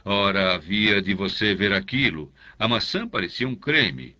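A man's voice: lowish voice, animated, measured pace, pushed and bright, dull audio. A man voicing a pompous, self-satisfied older canon priest in an audiobook, speaking in a confidential, lingering way. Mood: smug. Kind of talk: audiobook character voice.

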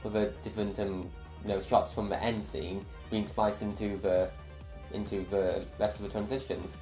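A young man with a lowish voice chats about filming, hesitant and full of fillers. The room sounds roomy, with faint music under him. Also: little pitch movement, moderate pace, mellow. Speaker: co-filmmaker, guest. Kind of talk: casual behind-the-scenes chat.

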